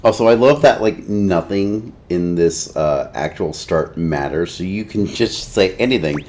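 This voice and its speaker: A man's voice: deep voice, unhurried, darkish tone. A man streaming a video game, chatting casually and giving flippant, irreverent replies.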